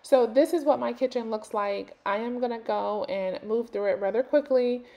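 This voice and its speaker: A woman's voice: on the high side, normal speed, warm tone. A woman in her thirties chatting casually to viewers as a home cleaning vlogger, talking them through her chores. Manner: chatty, addresses viewers directly. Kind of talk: casual voice-over chat.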